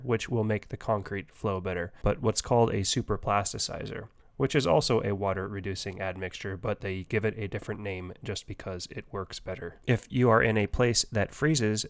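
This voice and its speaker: A man narrating a do-it-yourself how-to as a voice-over, lecturing with wry, deadpan jokes. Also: on the low side, no room sound. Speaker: DIY homeowner. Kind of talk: explanatory voice-over.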